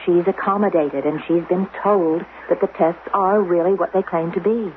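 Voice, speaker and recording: Through narrow, tinny audio from a noisy, band-limited 1970s radio drama comes a lowish, steady, natural female voice at normal speed. She portrays a shrewd rebel wife protecting her son, probing and coaxing with direct delivery, grimly worried throughout.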